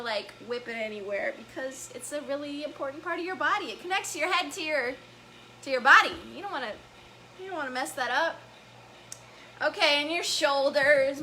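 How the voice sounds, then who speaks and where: A woman's voice: high-pitched, normal speed, pushed and bright, a little hiss or hum, low-quality recording. A woman leading a children's story time, upbeat and playful, guiding wiggles and breathing and laughing often. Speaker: story time family educator.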